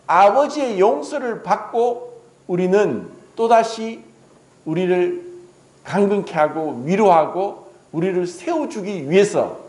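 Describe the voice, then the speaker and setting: A man's voice: high-pitched, a little mellow, roomy sound, low-quality recording. A male pastor preaching a dramatic sermon in a church, acting out the quoted words of the story. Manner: dramatic, voices Jesus and Peter in quotes.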